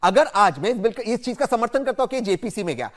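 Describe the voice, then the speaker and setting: A fairly high-pitched man argues hard as a guest on a TV debate panel. He pushes his points insistently, circling back and repeating them as he talks over others. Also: big pitch swings, quick pace. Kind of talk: heated TV debate.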